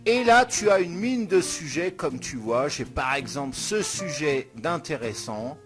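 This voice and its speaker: A man hosting a step-by-step software tutorial, talking the viewer through each click in an informal, direct way. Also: fairly high pitch, animated, a little slow. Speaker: YouTube tutorial host. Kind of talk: screen-recorded software tutorial. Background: soft guitar music.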